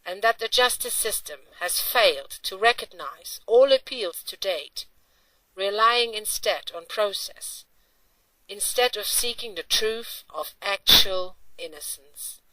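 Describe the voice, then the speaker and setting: A woman's voice: medium pitch, lively intonation, takes it slowly, sharp tone, no echo. A woman reading a formal, earnest scripted narration. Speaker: narrator of an advocacy video. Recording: distant dry voice over faint music.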